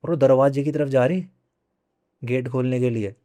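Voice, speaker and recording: Young man with a mellow voice, recounting a story. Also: mid-range voice, no echo. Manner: repeats phrases, conversational and unhurried. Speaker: podcast guest. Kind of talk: casual storytelling of a personal ghost story.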